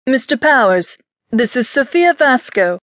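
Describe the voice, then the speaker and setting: A man's voice: extremely high pitch, sing-song, unhurried, dry recording, studio quality, pitched above the performer's own voice, heavily acted. A man narrating an audiobook, voicing a motherly secretary in her late fifties who speaks politely and professionally. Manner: professional, gently admonishing.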